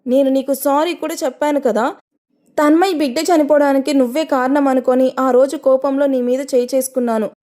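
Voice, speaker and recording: A woman's voice: high-pitched, fairly even intonation, brisk, mellow, voice pushed up, lightly acted. A woman voicing an anguished young man who pleads and accuses in a raised voice. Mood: pleading, heated.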